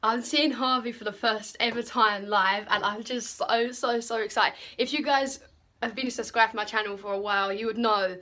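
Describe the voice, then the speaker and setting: A woman with a British accent vlogging to camera in a gushing, excitable way, repeating words for emphasis. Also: fairly high pitch, normal speed. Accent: British English. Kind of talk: casual vlog to camera. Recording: noisy handheld vlog audio.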